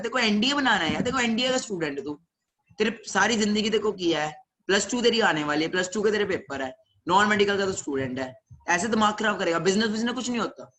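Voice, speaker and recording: A scolding middle-aged mother, fed up and sharp-tongued, as a young man puts her on. The voice sits a little high and rings bright, with a faint hiss of noise underneath. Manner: exasperated scolding.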